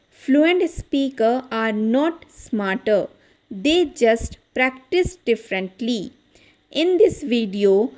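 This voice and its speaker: A woman teaching beginner English, reading each line of a simple dialogue twice in a slow, even drill. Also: sits high.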